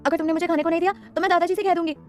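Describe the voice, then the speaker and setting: Brief: woman playing a babyish, frightened young woman in an audio story, high, quick and whiny. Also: fairly even intonation, a little mellow, faint music behind. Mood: pleading. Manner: shrill, pleading, babyish.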